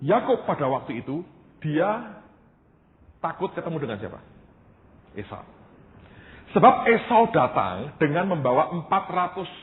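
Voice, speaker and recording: A man preaching a sermon as a pastor, telling stories with acted-out dialogue in an animated way. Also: a little high. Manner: animated storytelling, acts out family dialogue. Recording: tinny phone-like sound in a long-echo hall.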